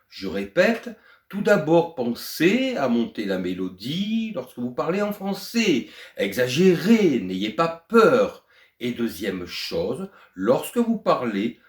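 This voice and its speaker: An older man teaching French to foreign learners, speaking deliberately and clearly in a lesson. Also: fairly high pitch, reverberant. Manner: deliberate, lively melodic teaching voice. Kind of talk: slow explanatory lesson to learners.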